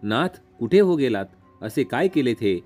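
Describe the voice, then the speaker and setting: A man's voice: mid-range voice, big pitch swings, moderate pace, soft background music. A man voicing a grieving young queen. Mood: lamenting. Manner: softer, pleading and lamenting. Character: grieving young queen searching forest, woman.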